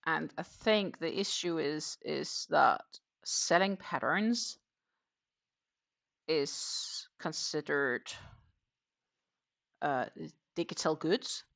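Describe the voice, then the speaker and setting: Speaking English as a second language, this woman from Denmark has a low, creaky, fairly bright voice and talks very slowly with long pauses, yet stays animated. She's running a relaxed crochet livestream, thinking out loud with fillers and false starts while she works.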